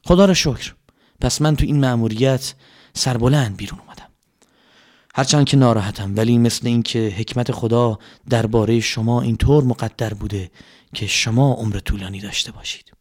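A man's voice: medium pitch, close to an everyday voice. A man voicing a commanding male king in a storybook tale, speaking in raised, earnest tones. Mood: solemn. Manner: raised, earnest calls and speeches.

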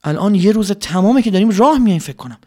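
A man's voice: sits high, animated, mellow, voice pushed up. A man voicing a commanding male king in a storybook tale, speaking in raised, earnest tones. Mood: explaining. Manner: raised, earnest calls and speeches.

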